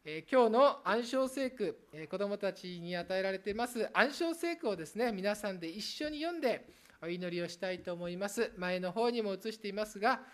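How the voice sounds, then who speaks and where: Pastor with a lively, rising and falling voice. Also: medium pitch, a little fast. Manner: earnest, speaks gently to children in the congregation; lively rises and falls for emphasis. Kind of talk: sermon.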